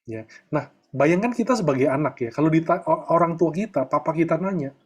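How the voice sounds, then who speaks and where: A middle-aged man leads a coaching session in an easygoing, conversational tone. His voice sits a little high for a man, and he keeps tagging his sentences with small fillers as he talks. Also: lively intonation, fairly quick, a little mellow, breathy edge. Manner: chatty, peppers talk with filler tags. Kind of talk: casual online coaching talk.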